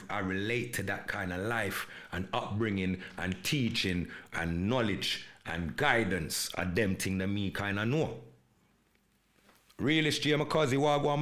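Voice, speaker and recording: This man's voice is low-pitched and a bit bright. Born in England, he hosts a live podcast with a Jamaican Patois-tinged English accent, repeating himself emphatically and weaving patois slang into his monologue.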